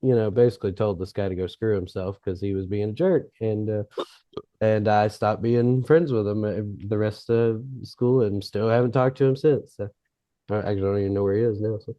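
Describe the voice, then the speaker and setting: A man's voice: fairly low pitch, fairly even intonation, normal speed, no echo. A man chatting on a podcast, telling easygoing stories with fillers and frequent laughs. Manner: easygoing storyteller, laughs often, many fillers. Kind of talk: casual chat. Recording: dull, muffled sound.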